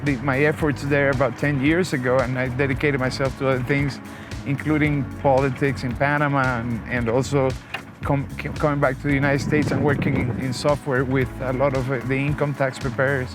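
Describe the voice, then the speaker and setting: A man's voice: mid-range voice, level tone, fairly quick. Talkative man from Costa Rica. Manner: friendly, talkative, many restarts. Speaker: guest. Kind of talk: conversational interview. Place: outdoors in a vehicle. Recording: music playing behind.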